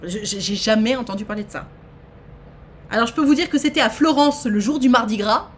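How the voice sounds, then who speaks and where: A woman, hosting a trivia quiz on a live stream and chatting with her viewers in a lively, exclamatory way. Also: on the high side, fairly quick, slight background noise. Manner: animated, exclaims and reads questions aloud to chat. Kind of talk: casual live-stream chat.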